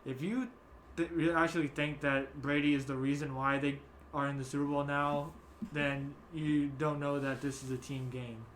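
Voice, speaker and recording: A man's voice: medium pitch, fairly bright tone, slight background noise. A young man hosting a casual sports chat, rambling with many fillers and restarts. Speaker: podcast host.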